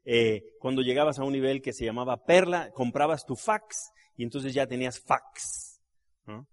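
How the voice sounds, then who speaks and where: Here a middle-aged man presents a live business seminar, his voice medium in pitch and his pace moderate. Originally from Mexico City and trained as an actor and voice artist, he spins animated, joke-filled stories and constantly checks for the audience's agreement with tag questions.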